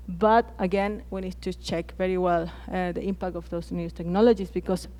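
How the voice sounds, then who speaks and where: Speaking on a panel in a conference plenary hall, a Chilean woman whose first language is Spanish keeps a level tone at a moderate pace. Her lowish voice sounds mellow, and her speech is full of hesitations and restarted words.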